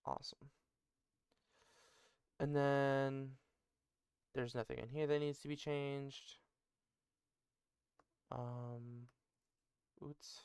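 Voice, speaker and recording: A man's voice: mid-range voice, level tone, extremely slow, long pauses, darkish tone, smooth, no echo, clean studio sound. A man thinking aloud as he works on an invented language, muttering and correcting himself. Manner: muttering, self-correcting, musing. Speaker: conlang creator. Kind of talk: thinking aloud while working.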